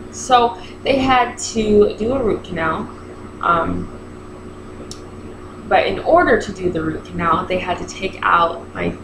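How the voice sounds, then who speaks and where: A woman in her thirties with braces in her mouth, chatting casually in a rambling vlog style and often interrupting herself. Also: lowish voice. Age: 30s. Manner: rambling, self-interrupting, animated retelling with quoted dialogue. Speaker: vlogger. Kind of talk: casual chat to camera. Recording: echoey room with clear background noise.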